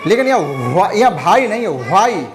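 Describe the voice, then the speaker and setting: A man's voice: high voice, expressive, moderate pace, a faint crowd. A male primary school teacher giving a classroom lesson, spelling words out letter by letter and repeating them patiently. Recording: noisy classroom with chattering kids. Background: children in the class.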